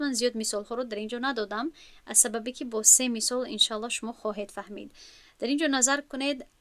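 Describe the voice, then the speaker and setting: A woman's voice: a little high, a bit bright, no echo. A woman with a Tajik accent, teaching an online lesson on recitation rules and drawing out example words with care. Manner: slow, careful, drawn-out demonstration of words.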